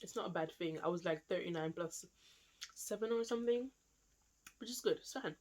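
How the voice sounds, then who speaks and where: A woman's voice: lowish voice, brisk, a little mellow. A young woman from London with a London accent, telling a personal story to camera in a chatty, rambling way full of fillers. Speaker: vlogger.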